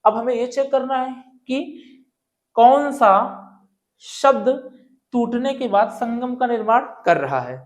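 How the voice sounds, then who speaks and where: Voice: medium pitch, lively intonation, slow pace. Tutor for an online exam-prep class who talks through each answer patiently and keeps checking that students follow. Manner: explains step by step, often checking in with "ठीक है" and "दोस्तों"; asks questions then answers them. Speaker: Hindi grammar teacher. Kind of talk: exam-prep lesson walking through multiple-choice questions.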